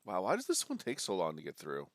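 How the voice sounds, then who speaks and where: Quick-paced and swinging hugely in pitch, a low-voiced man jokes and rambles as he reacts to the video game he's streaming live. His bad cold gives him a nasal, stuffed-up sound. Game music plays, and the studio audio is clean with no room sound.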